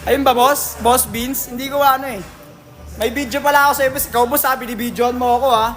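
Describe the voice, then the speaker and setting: A man's voice: extremely high pitch, fairly even intonation, a little fast, fairly bright tone, faint music behind. A man with a Filipino accent hosting a casual livestream, reading out viewer comments in a jokey, teasing way and laughing often. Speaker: livestream host at a billiards hall.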